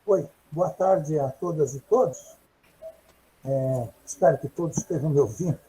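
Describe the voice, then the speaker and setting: A man recalling a long acquaintance at a virtual book launch, speaking hesitantly with pauses and restarts, over a video call. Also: a little high, dark tone, slightly rough, rough recording. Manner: hesitant, with many fillers and restarts. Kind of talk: reminiscing testimony.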